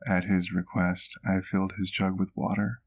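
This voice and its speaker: In an ASMR roleplay, a man plays a doting, wistful vampire doctor who gently tells his story in formal, literary language. His voice sits low with a flat delivery at a moderate pace, and the mood is reflective.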